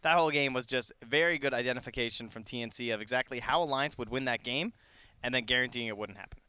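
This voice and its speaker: A male esports caster with a bright, forward tone and a clean, smooth voice. He breaks down the draft in a relaxed, analytical chat and slips in the odd joke. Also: medium pitch, fast. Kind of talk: casual draft analysis commentary.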